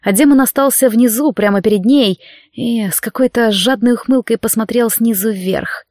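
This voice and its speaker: A woman narrating a romance audiobook in an even, steady reading voice. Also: fairly high pitch, normal speed, no room sound, clean studio sound.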